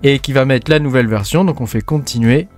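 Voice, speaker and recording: A man's voice: medium pitch, a little fast, darkish tone, soft background music. A man from France hosting a casual tech tutorial, talking informally to the viewer with many fillers and tags like "hein". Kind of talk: casual screen-recorded tutorial.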